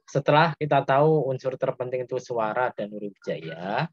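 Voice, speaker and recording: Explaining step by step and quizzing students throughout, a Javanese-accented man leads an interactive Islamic grammar lesson. He sounds expressive, with a mid-range voice at a moderate pace, in dull audio without room sound.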